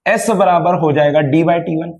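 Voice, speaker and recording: High-pitched male physics teacher, echoey room. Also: steady tone, darkish tone. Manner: addresses students as beta, mixing Hindi and English; reads question text slowly and deliberately. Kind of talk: exam-prep lecture. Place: classroom studio at a smart board.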